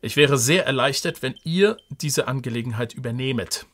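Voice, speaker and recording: Ein Mann, der einen förmlichen, ernsten Stadtbeamten mittleren Alters im Rollenspiel vorliest. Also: male voice, mid-range voice, normal speed, fairly bright tone, close to an everyday voice. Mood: solemn. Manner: formal, solemn, old-fashioned address. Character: stern middle-aged male town official, formal.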